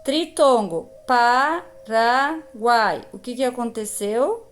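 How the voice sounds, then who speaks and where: Brazilian woman teacher for a kids' lesson, slow and patient, a touch high. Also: slight background noise. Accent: Brazilian Portuguese. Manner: slow, patient, stretches out example words. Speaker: primary school teacher. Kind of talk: recorded grammar lesson.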